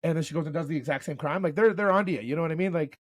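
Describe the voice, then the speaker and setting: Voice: mid-range voice, rapid-fire, dry recording. Rambly podcast co-host with fillers. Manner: loose, full of fillers like "like" and "um". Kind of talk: casual true-crime chat.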